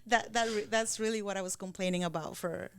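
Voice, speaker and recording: A woman from Costa Rica, talking in a halting way with many restarts and fillers in a casual podcast chat. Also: medium pitch, fairly even intonation, clean tone, no room sound. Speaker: co-host.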